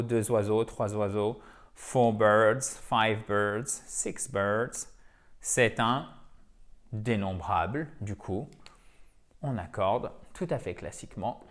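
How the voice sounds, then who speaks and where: French man teaching English grammar. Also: mid-range voice. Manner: explanatory, repeats himself, corrects himself. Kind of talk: grammar lesson.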